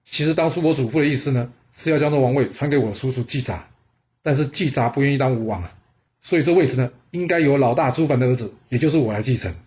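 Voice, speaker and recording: A man voicing an ambitious prince who speaks in a measured, persuasive way. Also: mid-range voice, darkish tone, lo-fi sound, lightly acted. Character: ambitious male prince, calm and scheming.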